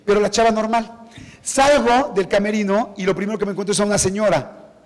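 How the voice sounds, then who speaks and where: A middle-aged man tells anecdotes to an audience, slipping into the voices of the people he describes. His voice sits fairly high for a man, and a long hall reverb trails behind every phrase. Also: a little fast. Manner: animated storyteller who acts out quoted people. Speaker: author presenting his book. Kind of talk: anecdotal talk at a book presentation. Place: event hall before an audience.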